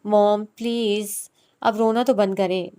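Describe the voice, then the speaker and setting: A young man, a son, who speaks in a soft, apologetic, soothing way to his upset mother, read by a woman. The voice is smooth and clear in a storybook reading. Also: mid-range voice, steady tone, close to an everyday voice. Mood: placating.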